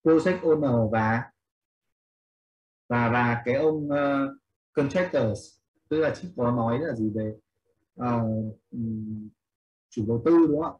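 A man's voice: medium pitch, dull audio. A man teaching an English class in Vietnamese, explaining a reading step by step and questioning his students as he goes. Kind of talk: online class instruction.

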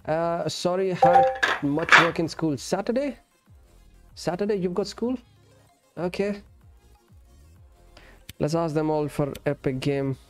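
A man's voice: on the high side, slow, pauses often, fairly bright tone. A man, chatting casually and in a friendly way as he streams a game. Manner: friendly, addresses viewers as friend and brother, switches between English and Urdu. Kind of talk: casual live-stream chat while gaming. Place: indoor streaming setup. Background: music.

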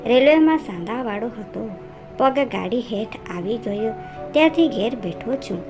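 A woman's voice: a little high, lively intonation, normal speed. A woman reading the lines of a friendly, lame former railway worker in a storybook narration, plain and helpful. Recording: narration over music.

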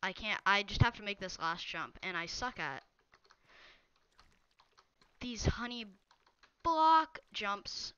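A woman's voice: medium pitch, expressive, a little slow, long pauses, bright, forceful tone, smooth, no room sound, muffled recording. A young woman live-streaming a game, chatting casually and teasing viewers as she reads their messages. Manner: teasing, talks straight to viewers reading chat. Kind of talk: casual live-stream chat while gaming.

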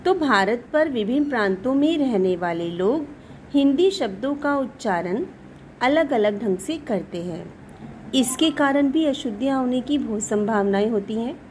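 A woman teacher speaks at a very slow, deliberate pace, repeating each word so students catch its pronunciation. Her voice sits a little high, and a faint hiss runs under the recording. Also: lively intonation, darkish tone. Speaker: Hindi grammar teacher. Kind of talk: recorded classroom lesson.

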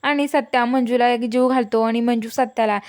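A woman's voice: on the high side, fairly even intonation, moderate pace, darkish tone. A woman casually retelling a TV serial episode, chatty and full of linking fillers. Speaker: story narrator.

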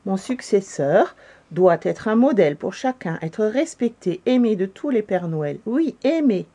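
A woman's voice: animated, a little slow, mellow. A woman voicing an old, solemn chief Father Christmas in a storybook reading, speaking ceremoniously. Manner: solemn, ceremonious, high-pitched.

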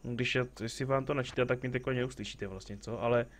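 A game streamer with a mid-range voice and fairly even intonation chats casually during play. He jokes with the on-screen characters and greets viewers as they come in.

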